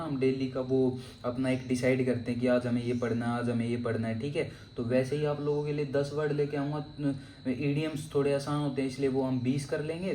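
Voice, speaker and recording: A man's voice: medium pitch, warm tone, echoey room, a little hiss or hum, rough recording. A man teaching vocabulary for exams in a casual, chatty way. He keeps saying "okay" and builds jokey memory tricks for each word. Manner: chatty, repeats "theek hai" often, jokey memory tricks. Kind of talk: casual exam-prep lesson.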